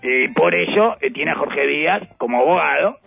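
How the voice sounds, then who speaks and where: Over soft background music, a Uruguayan-accented man offers ironic, rambling political satire on the radio, sprinkled with playful asides. His slightly high voice has vocal fry and lively intonation at a normal pace, and the audio is dull and lo-fi.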